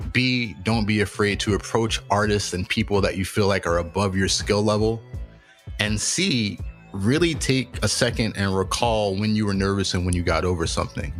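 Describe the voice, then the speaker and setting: A young adult man hosting a podcast, telling stories and giving career advice in a casual, profane, animated way. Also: fairly low pitch. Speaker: podcast host.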